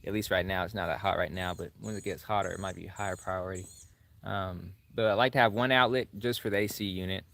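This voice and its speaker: Deep gravelly young man, drawl. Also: steady tone, quick pace, a bit bright. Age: 20s. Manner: rambling, thinking aloud with many fillers. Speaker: co-host of a couple's livestream. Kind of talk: casual livestream chat.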